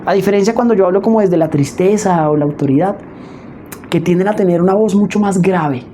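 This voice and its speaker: A woman teaching public speaking in a spoken lesson, expressive and often checking in with her listeners. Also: lowish voice, fairly quick, a little hiss or hum. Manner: expressive, demonstrates emotions with her voice; frequent checking "¿sí?" asides.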